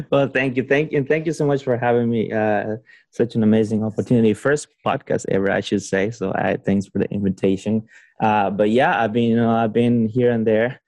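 A young PhD student from Honduras is a podcast guest, chatting casually and rambling with plenty of fillers, restarts, and frequent laughter. His medium-pitched voice is a little mellow, at normal speed with no echo.

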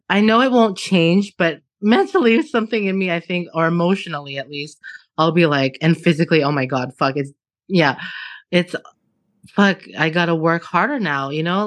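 A woman's voice: lowish voice, no room sound. A woman in her late thirties, a podcast guest in casual chat, who swears freely, laughs often and restarts her sentences. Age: 30s.

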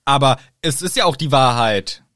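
A man co-hosting a casual podcast, retelling a book in a relaxed, wry way with low mumbled asides. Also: moderate pace, no echo, clean studio sound. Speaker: podcast co-host.

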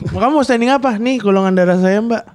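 A man's voice: high-pitched, quick pace, darkish tone. A man with a Jakarta accent who co-hosts a show, chatting in casual Jakarta slang with some swearing. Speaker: host of a talk and call-in show. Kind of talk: casual bantering chat.

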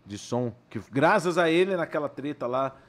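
A man's voice: a little high, normal speed. A man who is a comedy impressionist, chatting casually and with plenty of slang as a podcast guest. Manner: relaxed, laughs easily, slangy.

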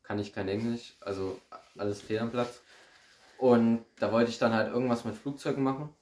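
A man's voice: medium pitch, steady tone, normal speed, a little mellow. A man chatting casually as a podcast guest, slangy and rambling, laughing often. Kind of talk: casual chat. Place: recording room. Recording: roomy echo.

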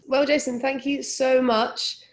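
A woman's voice: high voice, level tone, measured pace. A woman hosting a casual podcast interview, speaking in an encouraging, chatty manner. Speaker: podcast host.

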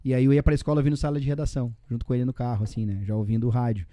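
A man's voice: medium pitch, little pitch movement, rapid-fire, mellow, no echo, studio quality. A man in his forties from southern Brazil with a Rio Grande do Sul accent, rambling through memories as an interview guest, full of tag questions and slang fillers. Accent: Rio Grande do Sul Portuguese. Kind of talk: casual interview storytelling.

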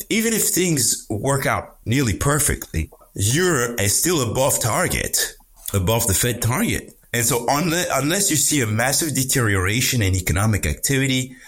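A man with a mid-pitched voice gives economic analysis as a podcast guest. He talks haltingly, doubling back on words and phrases, and presses his points with frequent tag questions. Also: fairly bright tone, husky.

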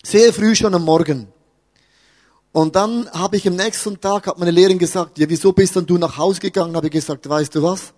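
Preacher, male, high voice, playful storyteller, live in a reverberant hall. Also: brisk, a little mellow. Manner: humorous, talks to the audience with questions. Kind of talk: lively sermon with stories. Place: church hall with audience.

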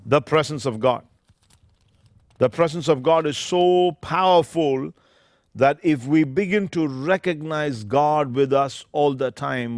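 A man's voice: a little high, no echo, clean studio sound. A man, a pastor preaching a sermon into a pulpit microphone, emphatic and drawing out scripture phrases word by word.

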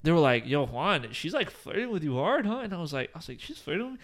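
A young man hosting a podcast, telling a long story in animated bursts, swearing and restarting his sentences, full of fillers. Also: a little high, fast. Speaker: podcast host. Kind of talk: casual chat.

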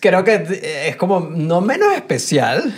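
A man's voice: high-pitched, huge pitch swings, slow pace. A man co-hosting a podcast, talking in an easygoing, reflective way with laughs. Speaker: podcast co-host. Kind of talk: casual podcast chat.

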